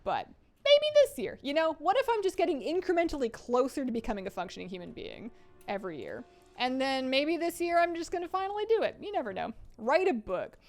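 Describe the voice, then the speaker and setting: A woman in her late twenties talks through her live game stream in a loose, self-deprecating way, reading out chat messages as they arrive. Her voice sits a little high and swoops up and down a lot as she rambles. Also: big pitch swings, fairly quick, darkish tone, soft background music. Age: 20s. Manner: chatty, self-deprecating, reads chat aloud.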